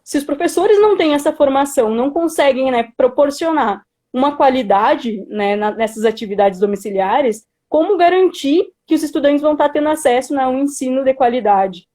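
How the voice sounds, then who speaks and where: A young woman with a Brazilian accent speaks in a fairly high, mellow voice. She gives informal political commentary in an earnest way, pausing to search for words and often adding little tags that seek agreement. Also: animated. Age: young adult. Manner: earnest, hesitant, frequently seeking agreement with tag questions. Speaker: student activist.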